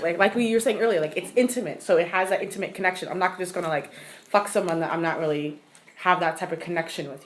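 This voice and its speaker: A woman speaking candidly on a casual podcast, blunt and unfiltered, with plenty of "like" in her speech. Her voice sits on the lower side for a woman. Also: a bit bright, a little hiss or hum.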